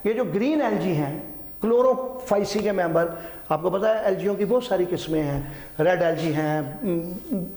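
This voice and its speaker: Man, science teacher, high voice, repeats key terms, roomy echo. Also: animated, moderate pace, a little mellow. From Pakistan. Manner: repeats terms, checks in with "ठीक है"; mixes English terms into Urdu. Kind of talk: classroom biology lecture.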